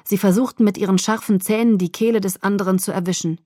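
A woman narrating a first-person story as an audiobook reader, with expressive scripted delivery. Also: mid-range voice, quick pace, dry recording, clean studio sound.

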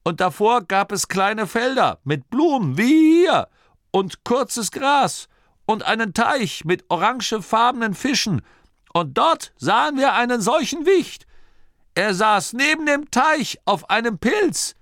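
A man voicing a rambling, nervous old gnome man who stammers and gets carried away telling stories in a high, raised voice. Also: slow pace, no room sound, clean studio sound, exaggerated voice. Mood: insistent. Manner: excited, stammering storyteller.

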